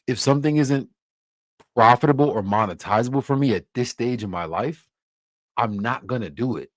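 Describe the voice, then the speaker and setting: A young man from Cameroon hosts a casual livestream, replying to viewer comments in a laid-back, loose way. His voice sits on the low side with no echo, and his speech is full of fillers and constant restarts.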